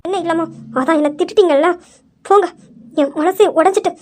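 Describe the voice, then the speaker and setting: This is a cheeky, carefree young woman who talks back, pouts and sulks, as a woman acts her out. Her voice is very high and light, and the scene sounds like an amateur romance skit. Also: fairly quick. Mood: sulking. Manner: cheeky, pouting. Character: cheeky, idle young woman, sulky and playful.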